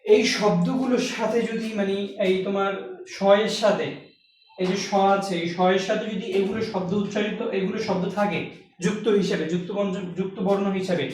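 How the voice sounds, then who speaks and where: Heard from afar in a reverberant room, this high-pitched male teacher talks briskly in a steady tone, with a little hiss or hum on the recording. He explains the language lesson to students one step at a time, asking and answering his own questions.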